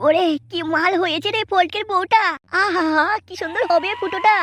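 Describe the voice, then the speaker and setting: A woman's voice: very high voice, normal speed. A woman voicing a sly, scheming young man. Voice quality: cheeky, sly delivery. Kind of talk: comic cartoon dubbing.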